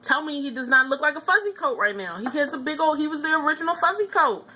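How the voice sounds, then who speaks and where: Woman, beauty vlogger, casual review, chatty, opinionated, bright clear tone. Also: high-pitched, animated, quick pace. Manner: chatty, opinionated, frequent ums and laughs.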